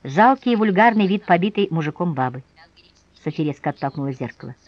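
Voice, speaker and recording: A woman narrating an audiobook in a measured, expressive way. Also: lowish voice, muffled recording.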